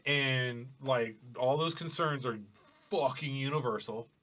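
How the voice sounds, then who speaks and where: Male podcast co-host, mid-pitch bright voice, reflective and rambling, casual. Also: unhurried. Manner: reflective and rambling, with restarts and swearing. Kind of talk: casual chat.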